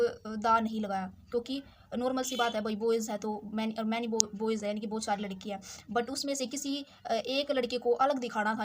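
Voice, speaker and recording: A woman's voice: fairly high pitch, a little hiss or hum. A woman teaching English grammar, explaining example sentences step by step and checking in often with her listeners. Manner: slow, repetitive explaining with frequent check-ins.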